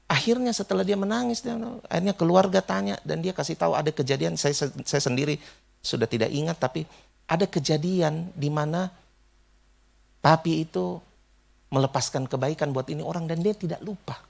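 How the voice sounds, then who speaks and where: Gravelly-voiced male pastor telling stories. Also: fairly high pitch, moderate pace. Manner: animated storyteller, acts out quoted people, laughs while telling. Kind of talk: sermon with storytelling and prayer.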